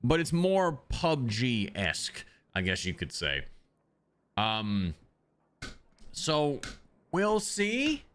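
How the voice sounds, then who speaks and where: A man's voice: mid-range voice, huge pitch swings, drawn-out words, long pauses, a bit bright. A man chatting loosely to his viewers as a streamer, rambling with many ums, speaking into a desk microphone. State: has the hiccups. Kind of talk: casual livestream chat.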